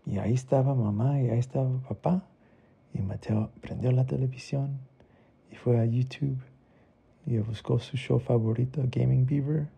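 A man telling an improvised bedtime story in a relaxed, plain way. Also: mid-range voice, normal speed, gravelly, breathy edge, muffled recording.

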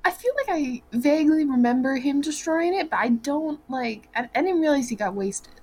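A woman's voice: high-pitched, animated, moderate pace, a little mellow. A woman co-hosting a casual podcast, who talks in a rambling, hesitant way with many fillers. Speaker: podcast co-host.

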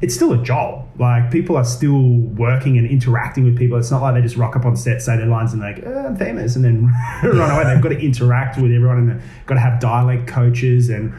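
A man's voice: mid-range voice, brisk, warm tone, a little hiss or hum. An Australian man from the Gold Coast, a TV presenter, chatting in an interview with many fillers and restarts. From Gold Coast, Queensland, Australia. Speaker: TV presenter and actor. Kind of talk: casual interview chat. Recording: roomy echo.

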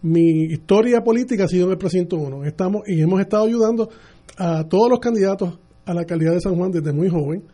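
A man's voice: high voice, warm tone. A middle-aged man with a Puerto Rican accent, a candidate answering questions in a radio interview with many restarts. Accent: Puerto Rican Spanish. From Puerto Rico. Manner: earnest, halting with many restarts. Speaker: mayoral candidate guest.

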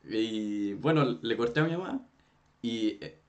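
Expressive Chilean teen man. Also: lowish voice, measured pace. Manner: expressive, acts out quotes, laughs. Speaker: podcast co-host. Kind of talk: casual storytelling chat.

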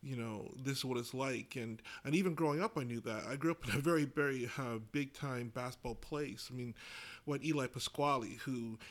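A man's voice: medium pitch, brisk. Reflective former coach, a man. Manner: reflective, rambling with many fillers. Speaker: former basketball coach, guest. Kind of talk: casual conversation.

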